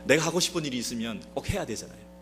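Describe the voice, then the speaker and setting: A man's voice: mid-range voice, expressive, very fast, a little hiss or hum. A Korean man preaching a Sunday sermon as a pastor, speaking straight to the congregation with many rhetorical questions. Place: church sanctuary.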